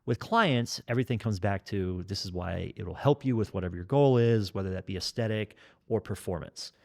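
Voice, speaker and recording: A man's voice: on the low side, fairly quick, gravelly. A man in his forties with a nasal voice, a fitness educator chatting at length on a podcast and explaining everything in detail. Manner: talkative, over-explaining, joking. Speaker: kettlebell trainer and fitness educator. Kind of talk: casual podcast conversation.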